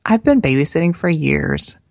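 A woman's voice: low-pitched, lively intonation, normal speed, creaky, darkish tone, no echo, studio quality, heavily acted. A woman reading the lines of a patient, lightly exasperated seventeen-year-old daughter.

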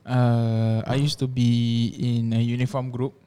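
A man's voice: mid-range voice, flat delivery, measured pace, warm tone, clean tone. A young man with a Singaporean accent chatting casually and telling a personal story, colloquially switching between English and Malay. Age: young adult. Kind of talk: casual chat, personal anecdote.

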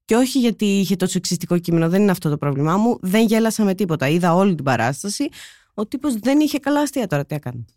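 A young adult woman, a stand-up comedian, telling stories in a casual chat, animated and laughing. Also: mid-range voice, no room sound, studio quality. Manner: animated, laughing, quick storytelling with acted quotes.

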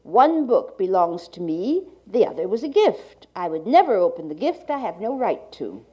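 A woman's voice: mid-range voice, very animated, moderate pace, warm tone, husky, dull audio. A woman voicing a formal, earnest French tax inspector in a literary story reading, on an old worn cassette recording. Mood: earnest, insistent.

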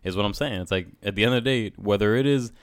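Male, lowish voice, talkative and emphatic casual conversationalist, close dry sound. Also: fast talker, no room sound. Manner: emphatic, talkative, says "bro" often.

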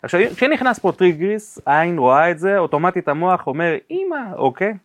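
A man appearing as a guest on a podcast, explaining body language with lively acted-out examples and sound effects. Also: high voice. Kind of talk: podcast interview chat.

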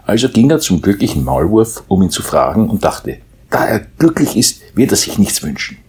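A man reads a Christmas storybook aloud, calm and unhurried. His voice is very deep and heavily raspy, with a breathy edge. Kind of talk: storybook reading.

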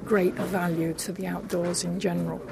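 A woman's voice: lowish voice, flat delivery, moderate pace, creaky. A woman being interviewed at a trade show, stressing her points and repeating them. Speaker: interview guest. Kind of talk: casual interview. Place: busy exhibition hall. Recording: loud crowd noise behind.

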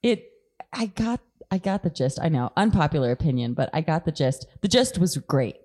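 A woman's voice: deep voice, sing-song, moderate pace, a little mellow. A woman co-hosting a casual book club podcast, giggly and enthusiastic. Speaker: podcast co-host.

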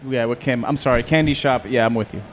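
Male DJ panelist, average pitch, opinionated casual chat, slight background noise. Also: fast. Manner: opinionated, blunt. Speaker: DJ and music podcast panelist.

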